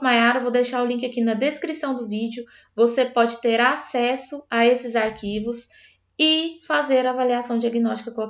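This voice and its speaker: A Brazilian woman teacher explaining a literacy lesson for parents step by step, talking straight to the viewer. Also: on the high side. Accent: Brazilian Portuguese. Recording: roomy, slightly dull sound.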